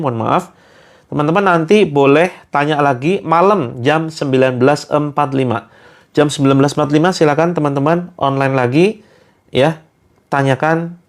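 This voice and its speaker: A man running a live stream as a ruqyah therapist, chatting with viewers and then leading them in slow, drawn-out prayer. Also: fairly high pitch. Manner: chatty, addresses viewers directly.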